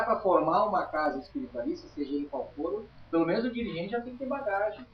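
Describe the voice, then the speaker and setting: A man's voice: high-pitched, distant mic, a little hiss or hum. Chatty man teaching a study group. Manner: chatty, emphatic, tags lines with "tá?". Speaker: spiritualist teacher. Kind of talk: informal study-group lecture. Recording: roomy, dull lo-fi room recording.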